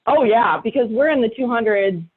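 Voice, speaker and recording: A woman with a fairly high, expressive, husky voice speaks at a normal pace as a podcast guest, casual, emphatic, and colloquial. She's in a home workspace studio lined with sound panels, using a microphone with a preamp over an online call, so the audio sounds thin and phone-like.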